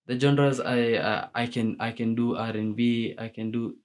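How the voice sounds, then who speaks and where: Guest read: young Kenyan-raised man, monotone, hesitant, restarts a lot. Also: mid-range voice, a little slow. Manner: hesitant, many restarts and fillers. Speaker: musician guest. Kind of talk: radio interview answers.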